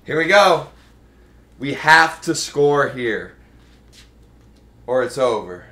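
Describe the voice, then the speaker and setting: A man's voice: medium pitch, slow. Cocky young man streaming, roomy echo. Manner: swearing, cocky, excitable sports-fan chatter. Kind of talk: live game commentary with trash talk. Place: indoor room, streaming setup. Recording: roomy, echoing room sound.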